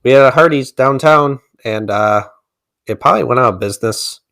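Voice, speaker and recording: A man from Wisconsin co-hosting a casual chat, talking in a relaxed, unhurried way. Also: mid-range voice, vocal fry, no echo. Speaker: co-host.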